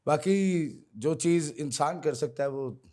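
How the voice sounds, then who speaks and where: Earnest man, mellow voice. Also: a little high, slow pace. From Pakistan. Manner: earnest, repeats honorifics, addresses host as sir. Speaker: singer, guest. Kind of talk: interview answers.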